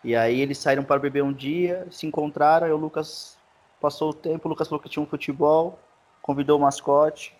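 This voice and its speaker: Rambling Brazilian podcast guest. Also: male voice, on the high side, steady tone, fairly quick, a little mellow. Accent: Brazilian Portuguese. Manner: rambling storyteller, trips over his words. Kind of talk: casual podcast chat.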